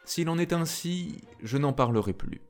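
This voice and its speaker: A man's voice: fairly high pitch, expressive, normal speed, faint music behind, voice pushed up. A man voicing a humble young knight. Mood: apologetic. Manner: courteous, apologetic. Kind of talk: storybook reading.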